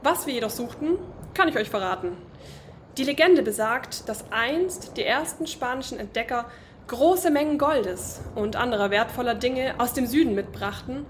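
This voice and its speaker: A woman's voice: sits high, expressive, normal speed, slight background noise. A woman playing a well-spoken, composed noble lady with a formal, courteous manner in an audio drama. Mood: composed, explaining.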